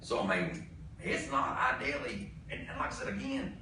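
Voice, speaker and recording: A heated Southern US county commissioner addresses an indoor public meeting bluntly and folksily, exasperated and restating his points to drive them home. His mid-range voice swings hugely in pitch at a normal speed, with a sharp tone. Sound comes from a distant mic in a noisy, very echoey meeting room.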